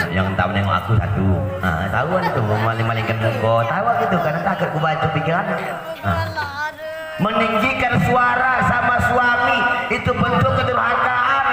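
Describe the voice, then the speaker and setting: A man preaching a lively outdoor sermon, swinging from loud exhortation to quiet teasing asides. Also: medium pitch. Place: front yard of a prayer house, outdoors. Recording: echoey outdoor PA sound heard from a distance.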